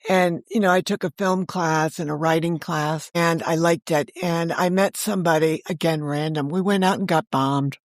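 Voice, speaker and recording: Her voice is deep with fairly even intonation, and she keeps a moderate pace with hardly any pauses. A woman around seventy, an author and audio drama creator, she's an interview guest chatting candidly and acting out quoted remarks in casual anecdotes, captured in a dry, clean studio recording.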